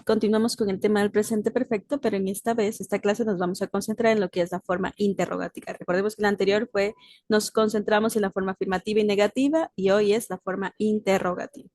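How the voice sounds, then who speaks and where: A woman's voice: medium pitch, steady tone, fast, darkish tone, dry recording. Patient teacher woman, very dry sound. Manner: explains patiently, mixing Spanish and English, checking in with "¿sí?". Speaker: English teacher. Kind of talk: recorded online lesson.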